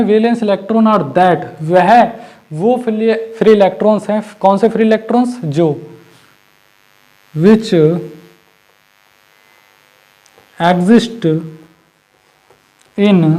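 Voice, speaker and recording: A man with a high, mellow voice gives an exam-prep physics lecture. He keeps asking his class questions and answering them himself. He repeats the key terms over and over. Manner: mixes Hindi with English terms. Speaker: teacher.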